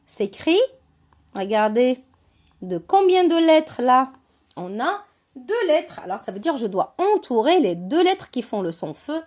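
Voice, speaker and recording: A woman teaching a reading lesson for children, patient, spelling out syllables slowly and asking simple questions. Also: a little high, darkish tone. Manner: poses questions to young learners.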